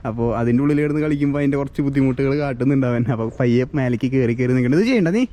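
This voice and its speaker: A man with a Kerala accent chatting excitedly as a vlogger, mixing English slang into his Malayalam. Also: medium pitch, rapid-fire. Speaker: vlogger, host. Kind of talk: excited casual outdoor vlog chat. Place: outdoor skate park.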